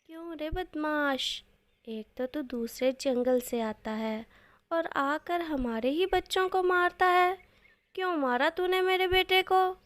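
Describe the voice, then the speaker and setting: A woman voicing a hot-tempered, protective mother animal in a cartoon story, quick to scold. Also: high voice, no echo. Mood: angry. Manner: angry, scolding.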